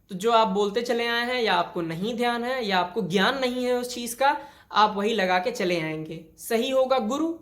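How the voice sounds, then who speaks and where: With a slightly high, fairly bright voice, a woman who teaches Hindi leads a spelling class. She breaks every grammar rule into steps, then repeats it using lots of examples.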